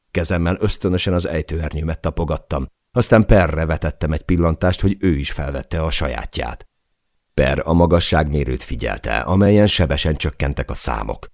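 Deep, gravelly male narrator for a dramatic adventure audiobook, close dry studio mic. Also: no echo. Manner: dramatic reading, shouting out the quoted cries.

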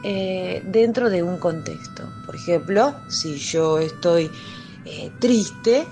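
A woman with an Argentine accent, a music teacher giving a patient, step-by-step explanation on school radio, often pausing with fillers. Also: lowish voice, animated, dark tone.

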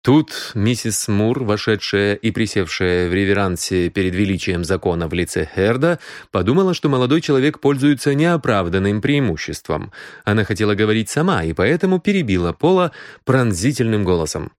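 A male audiobook narrator reading a story with lively, swinging pitch. The recording is close and dry, with nothing of the room in it. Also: brisk, no echo. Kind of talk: scripted narration.

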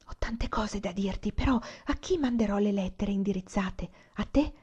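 A woman's voice: medium pitch, normal speed, darkish tone, husky, dull audio. A woman reading the lines of an earnest young man in love, pleading and urgent, sometimes whispering.

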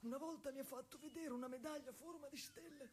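A woman with a high voice plays a gentle, wistful husband locked away in an asylum, giving an intimate stage monologue. The phrasing is halting, simple, repetitive and emotional, lightly acted, fond and wistful, with a little hiss or hum.

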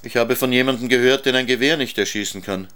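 A man's voice: medium pitch, quick pace, sharp tone, clear, resonant tone, pitched above the performer's own voice, lightly acted. A man reading a storybook aloud, voicing a kindly old woman who speaks earnestly.

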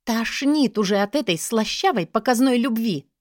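A woman voicing a hysterical young noblewoman who sneers and shouts. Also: animated, moderate pace, no echo, clean studio sound, close to an everyday voice. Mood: scornful. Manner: sneering, shrill outbursts.

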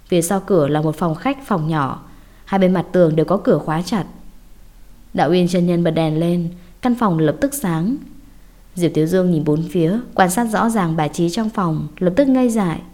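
Mellow, low-voiced woman, late-night radio storyteller. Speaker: narrator of late-night ghost story audio show. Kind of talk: late-night radio host manner, scripted audiobook narration.

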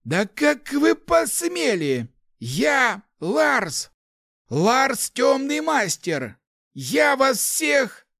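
A man voicing a furious, spiteful old male mage in an audiobook, hoarse and snarling. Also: extremely high pitch, wildly swooping pitch, extremely slow, sharp tone, dry recording, studio quality, voice pushed up, exaggerated voice. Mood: raging. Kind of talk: audiobook character voice.

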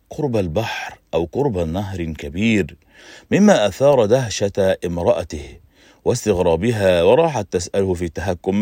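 A male sheikh hosts a religious radio lesson, telling stories of the prophets. He speaks in a measured, formal recitation with a somewhat low voice. The recording is dry and close. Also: smooth, no echo. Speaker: sheikh and radio program host.

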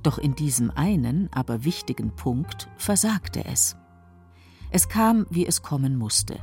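A woman's voice: low voice, vocal fry, warm tone, slightly rough. A woman giving composed, scripted narration for a radio feature.

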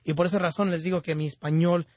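Higher-voiced man praying on the radio. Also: flat delivery, darkish tone, dry recording. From born in Mexico, raised in the United States. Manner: halting, often stumbles and restarts words. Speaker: religious radio host. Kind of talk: prayer and devotional radio talk. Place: radio studio.

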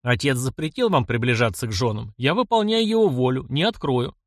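Calm sad bearded peasant guy, low soothing voice, dry close sound , voiced by a male reader. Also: a little fast, no echo, close to an everyday voice.

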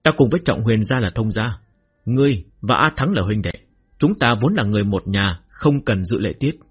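A genial elderly court official from a storybook, mild and courteous in every word, as a male narrator puts him on. The voice is very husky and breathy, with faint music behind it. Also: lowish voice, animated, moderate pace.

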